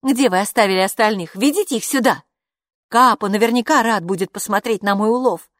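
A woman's voice: medium pitch, fairly quick, no room sound, clean studio sound, voice pushed up, close to an everyday voice. A woman voicing a proud, bossy older girl who talks in a smug, commanding way.

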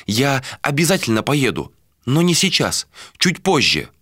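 A man reading an audiobook voices a young woman in a raised, softened voice. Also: medium pitch, wildly swooping pitch, a little slow, dry recording, clean studio sound, voice pushed up, full character voice. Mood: pleading. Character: young woman, torn and pleading.

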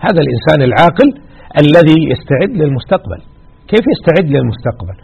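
A man's voice: fairly high pitch, animated, racing, creaky, darkish tone, breathy edge, highs cut off. A man teaching a religious lesson, exhorting his listeners and repeating key words for emphasis. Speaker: sheikh teaching hadith.

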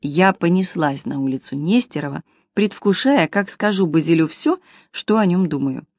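A woman narrating an audiobook in a brisk, ironic storytelling manner. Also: on the low side, lively intonation, a little mellow, dry recording, studio quality. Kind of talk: scripted narration of a humorous detective novel.

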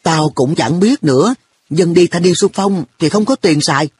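A man's voice: fairly high pitch, normal speed, breathy edge, pitched above the performer's own voice. A man doing a cheeky carefree schoolboy. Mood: blunt. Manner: offhand, blunt boyish talk. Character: boy An, carefree, teasing, money-minded.

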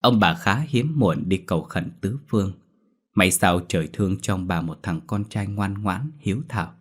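Low-voiced man narrating a horror tale. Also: moderate pace. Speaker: storyteller. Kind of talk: scripted narration of a horror story.

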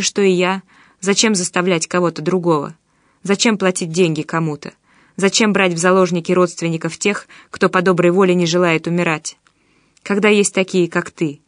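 A woman voicing a cold, composed man in a wheelchair, speaking in a measured, coolly persuasive way, in an audiobook. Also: on the low side, dry recording, studio quality, close to an everyday voice. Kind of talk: audiobook character voice.

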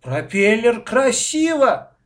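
Man doing a loud stubborn little boy in a storybook, high squeaky voice, shouting in slow bursts. Pitch jumps way up and down. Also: very animated, heavily acted. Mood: excited, insistent. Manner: shouting, insistent.

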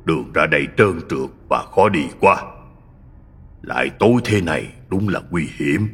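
A husky-voiced man voicing a stern older village man who scolds his younger sister and instructs his younger brother. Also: very deep voice, lively intonation, moderate pace, fairly bright tone, voice pushed down, heavily acted. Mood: instructing. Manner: gruff, scolding.

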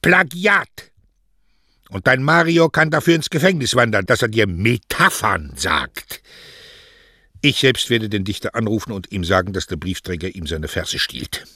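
A man voicing a stern, scornful middle-aged mother who scolds her daughter with a raised, sharp voice. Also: sits low, lively intonation, measured pace, dry recording, studio quality, heavily acted. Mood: commanding.

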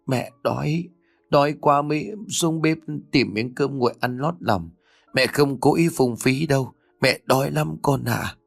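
A man's voice: mid-range voice, little pitch movement, slow, vocal fry, dry recording, soft background music. A man voicing a frail, timid old mother over 70 who pleads in a trembling voice. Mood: pleading.

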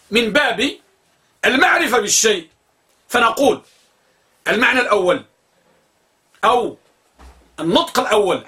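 A man giving a grammar lesson, explaining how a word is pronounced, repeating it slowly and putting questions to his students. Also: extremely high pitch, pushed and bright. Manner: explanatory, repeats words slowly to spell out vowels, asks the class questions. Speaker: grammar teacher. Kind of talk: classroom lecture on pronunciation.

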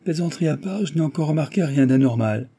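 A man voicing a joking, quick-witted young male fiancé in an audiobook, in a playful, teasing tone. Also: a little high, animated, creaky, warm tone, slightly rough, pitched above the performer's own voice, exaggerated voice.

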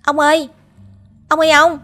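A woman voicing a frightened young male grandson who whines and pleads in high, shrill cries. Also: lively intonation, fairly quick, close to an everyday voice. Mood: terrified.

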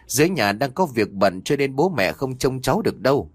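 A man voicing a gruff, stubborn elderly village grandfather in a spoken horror story, talking in a scolding, brusque way. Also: mid-range voice, sing-song, fairly quick, no room sound, pitched above the performer's own voice.

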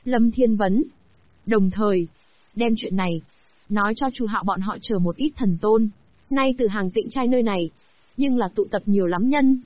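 A text-to-speech woman's voice narrating a fantasy audiobook, in an even, steady machine delivery. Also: medium pitch, normal speed, no echo. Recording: dry, dull lo-fi audio.

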